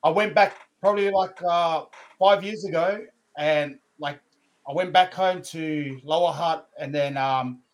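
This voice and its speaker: A man's voice: on the high side, measured pace, slight background noise. A man from Brisbane, chatting informally as a podcast guest, using brotherly slang and "eh" tags. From Brisbane, Australia, born in New Zealand. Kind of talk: casual interview chat.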